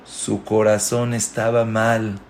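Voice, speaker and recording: Slow, emphatic male preacher. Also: lowish voice, level tone, a little hiss or hum. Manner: emphatic, repeats key words with rising stress. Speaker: rabbi teaching a Torah class. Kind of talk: storytelling sermon.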